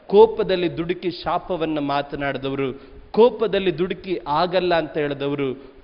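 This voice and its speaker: High-voiced preaching man in echoing hall. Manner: emphatic preaching, repeating refrains, calling on the congregation. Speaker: pastor. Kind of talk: Kannada sermon. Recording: dull long-reverb church hall recording.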